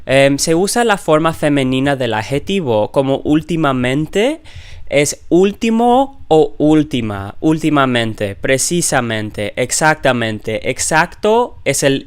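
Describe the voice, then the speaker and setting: Male teacher, clear smooth voice, lecturing on grammar, stops to fix his wording. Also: mid-range voice. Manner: explanatory, with frequent self-corrections and fillers. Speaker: language teacher.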